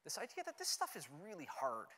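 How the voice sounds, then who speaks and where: On a conference stage, a young adult from Canada delivers an earnest, chatty talk peppered with "you know." His voice sits high and sounds sharp, his pitch swoops wildly, and he moves at a brisk clip. Long hall reverb fills the recording.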